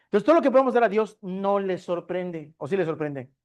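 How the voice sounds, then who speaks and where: A man's voice: sits high, expressive, brisk. A man preaching a sermon as pastor of a discipleship class, often asking his listeners rhetorical questions and answering them himself. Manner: asks the congregation frequent rhetorical questions.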